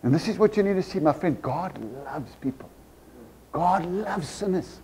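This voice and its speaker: Animated South African preacher. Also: male voice, high voice, normal speed, slight background noise. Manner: animated, asks the congregation rhetorical questions. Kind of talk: sermon. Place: church service.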